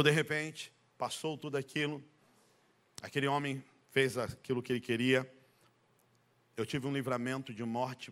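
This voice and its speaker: A middle-aged man preaching a sermon at a church service, emphatic and calling out to the congregation, dropping to a hush and then rising high and loud. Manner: emphatic, call-and-response with the congregation; swings from hushed to loud, rising high when retelling a story. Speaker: pastor.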